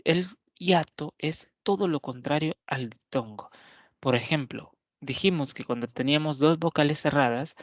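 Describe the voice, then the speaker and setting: A man teaching a grammar lesson to camera, unhurried, with many fillers and self-corrections. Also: medium pitch, dry recording, dull audio.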